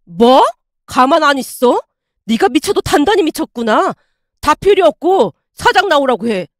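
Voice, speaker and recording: An arrogant young man who sneers and bellows insults at the staff, read by a woman narrator. The voice sits high and swings widely, recorded dry and close. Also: expressive, normal speed, no room sound. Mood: yelling. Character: arrogant bullying young male customer.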